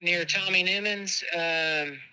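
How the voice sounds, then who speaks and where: Bright man on speakerphone. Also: sits high, steady tone, smooth, poor audio. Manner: easygoing, halting with fillers. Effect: heard through a speakerphone. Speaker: phone caller. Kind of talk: casual phone chat.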